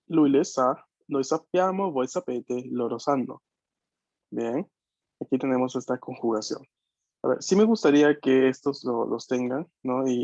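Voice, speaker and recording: A man's voice: mid-range voice, darkish tone, no echo. A man teaching a beginners' language class over a video call, patiently checking that students follow. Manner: patient, checks understanding with frequent questions. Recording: dull, dry video-call audio.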